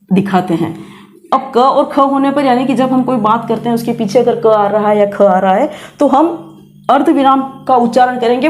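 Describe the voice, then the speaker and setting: Middle-aged female teacher, fairly high voice, patient and repetitive classroom explaining. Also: a little mellow. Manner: patient, repeats and demonstrates sounds aloud. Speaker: Sanskrit grammar teacher. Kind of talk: classroom lesson, explaining pronunciation.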